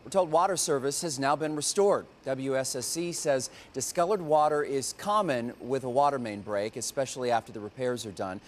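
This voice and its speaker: An American TV news anchor with a mid-range voice speaks at normal speed with few pauses. He alternates between reading copy and bantering conversationally with his co-anchor.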